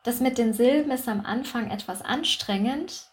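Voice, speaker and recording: A woman who coaches pronunciation, a guest on a podcast, explaining her methods clearly and methodically, step by step. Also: fairly high pitch, normal speed. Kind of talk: explanatory interview answers.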